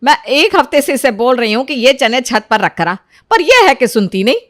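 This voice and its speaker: A woman voicing a scolding but supportive middle-aged mother in a cartoon, speaking loudly and emphatically. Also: high voice, very animated, normal speed, dry recording, studio quality, voice pushed up.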